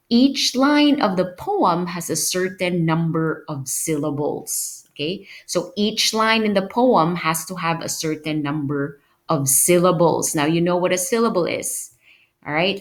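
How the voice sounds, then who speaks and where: A woman teacher explaining a lesson to her students, patient, and often checking in with "okay?". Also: fairly low pitch. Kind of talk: recorded online class lesson.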